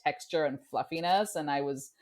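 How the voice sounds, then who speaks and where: A woman from the United States co-hosting a podcast in relaxed casual chat, asking questions and laughing easily. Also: low voice, normal speed. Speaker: podcast co-host.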